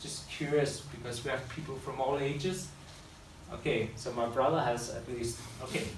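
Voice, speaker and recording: Addressing an audience in a room, a school teacher and public speaker talks off the cuff, frequently revising his sentences partway through. His medium-pitched voice stays steady at a normal speed, captured from afar in an echoey space with slight hiss.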